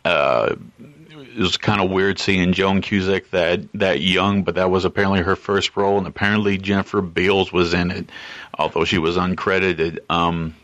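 A man leaving a voice message for a podcast, polite and measured, with frequent "uh" fillers, heard as a recorded message played back. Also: low voice, fairly even intonation, a bit bright, no room sound. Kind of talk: casual spoken message. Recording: dull lo-fi voicemail audio.

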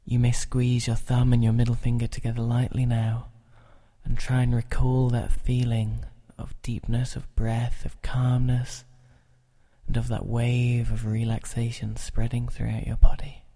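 A man leading a guided relaxation, speaking calmly and soothingly and at times dropping into soft whispers. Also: mid-range voice, measured pace.

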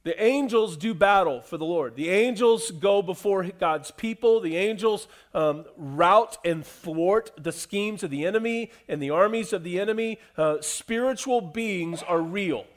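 A pastor with a high, light voice preaches a sermon, swinging from ringing emphasis to near-hushed quiet. He's expressive and a little slow, barely pausing, and he repeats phrases and poses questions to his listeners.

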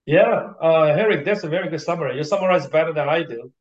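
A man co-hosting a podcast in casual, somewhat halting unscripted speech. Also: on the high side, lo-fi sound. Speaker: podcast co-host.

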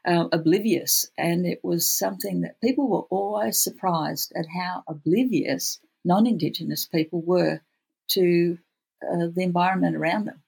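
An Australian speaker with a gravelly, husky voice who says w for r, talking reflectively as an interview guest. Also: medium pitch, normal speed, a little mellow. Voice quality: cannot pronounce R's well, says w for r. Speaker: podcast guest, futurist researcher.

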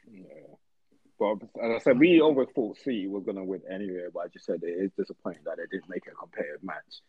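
A man in casual football chat, relaxed and rambling with many ums. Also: deep voice, quick pace, slightly rough, no room sound, phone-quality sound. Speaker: podcast co-host.

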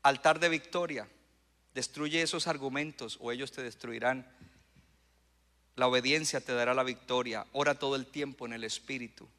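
Male pastor, sermon delivery, bright ringing tone with emphatic swells; long reverb of a church hall. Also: mid-range voice, fairly even intonation, moderate pace. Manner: preaching with rising bursts of emphasis and audience call-outs.

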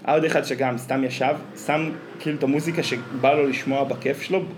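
A man's voice: medium pitch, fairly even intonation. A man with an Israeli accent in casual conversation as a podcast co-host. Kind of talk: casual chat. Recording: faint ambient background noise.

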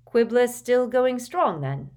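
A woman's voice: a little high, animated, takes it slowly, darkish tone, pitched above the performer's own voice. A woman voicing a blunt, plain-spoken teenage boy wizard. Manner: short, plain.

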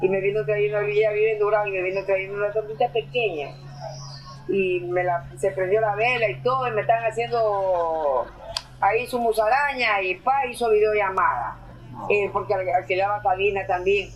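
Grieving the loss of her child in prison, an older mother from Ecuador pours out a breathless, wandering testimony, addressing her listener as mamita and mijo. She speaks at a normal pace in a steady, mid-range voice, though the audio sounds dull.

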